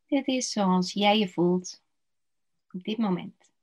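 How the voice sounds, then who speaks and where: A woman guiding a slow body-scan relaxation meditation in a soft, soothing voice with long pauses. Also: medium pitch. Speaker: meditation guide. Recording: dull lo-fi recording.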